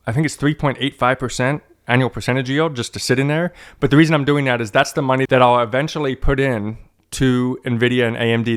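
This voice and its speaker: A man's voice: medium pitch, fairly bright tone. A man walking viewers through his investment portfolio in a chatty, wry, self-mocking way, as host of a personal finance channel. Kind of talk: casual screen-share walkthrough.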